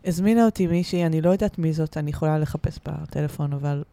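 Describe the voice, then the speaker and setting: A woman's voice: low voice, mellow, dry recording. Woman, podcast guest, chatty, laughs a lot, casual storytelling, dry studio mic. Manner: chatty, laughs often, many fillers. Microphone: studio microphone.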